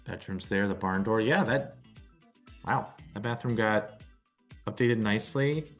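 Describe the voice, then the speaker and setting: A man's voice: lowish voice, unhurried, soft background music. A man hosting a real estate video in an informal top ten countdown style, often repeating key phrases.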